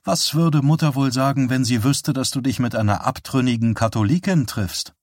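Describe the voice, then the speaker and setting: Guy doing a lively young woman, high and indignant, dry sound. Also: moderate pace, no room sound, natural voice. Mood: amused. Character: young woman, excitable and exasperated.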